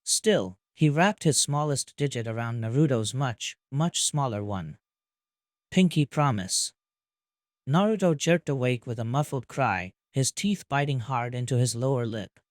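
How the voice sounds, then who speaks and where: A man reading fan fiction aloud as narrator in a calm, even scripted narration. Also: medium pitch, normal speed, few pauses, no room sound, clean studio sound.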